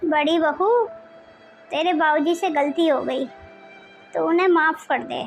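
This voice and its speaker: A woman doing a frail, gravelly old mother-in-law. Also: sits high, soft background music. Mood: pleading. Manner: slow and pleading.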